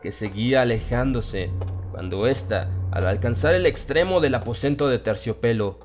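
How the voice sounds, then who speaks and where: With background music playing, a medium-pitched man narrates horror at normal speed in a Latin American Spanish accent. He is an audiobook narrator, and his scripted delivery is dramatized, solemn and theatrical.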